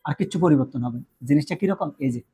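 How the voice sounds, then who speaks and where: A man's voice: fairly high pitch, animated, very fast, dark tone, slightly rough. A Bangladeshi man teaching English grammar in Bengali, who keeps asking questions and answering them himself, with joking asides. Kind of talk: classroom lecture.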